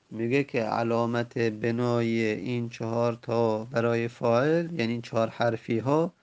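Gravelly male teacher. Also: mid-range voice, a little mellow, muffled recording. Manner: patient, repeats and spells out word forms slowly. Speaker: Arabic grammar teacher. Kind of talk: recorded lesson explaining a textbook.

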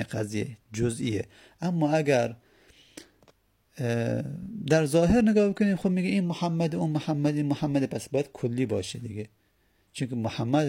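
A man with a gravelly, creaky voice gives a grammar lesson. He explains each point patiently, often posing a question and then answering it himself. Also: medium pitch, dark tone. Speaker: teacher of Arabic grammar.

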